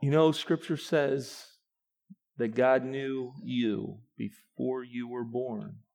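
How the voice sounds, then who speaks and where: A pastor preaching a sermon to his church, swinging from quiet, low passages to loud, rising ones. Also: steady tone, slow pace, gravelly.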